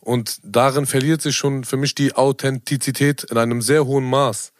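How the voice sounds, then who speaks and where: A man co-hosting a podcast, talking in a measured, deliberate way and sometimes searching for words. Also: mid-range voice, fairly even intonation, no echo, studio quality. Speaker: podcast co-host. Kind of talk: casual chat.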